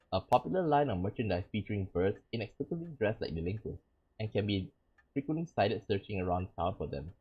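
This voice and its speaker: This Malaysian man hosts a let's-play as a VTuber, rambling between lines of game text and leaning on fillers like "like" and "you know." His voice sits on the low side and sounds husky, with the high frequencies cut off.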